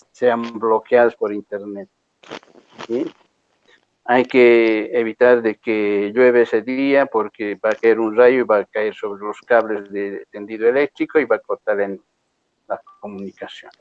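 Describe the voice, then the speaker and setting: A man's voice: fairly low pitch, steady tone, a little slow, lo-fi sound. A male lecturer patiently explaining exam rules to a class, often checking that students follow. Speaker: university lecturer.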